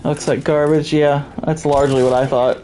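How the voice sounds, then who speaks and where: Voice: mid-range voice, little pitch movement, normal speed, dark tone. A gamer giving dry, understated commentary while playing a video game. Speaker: let's play gamer. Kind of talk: casual gameplay commentary.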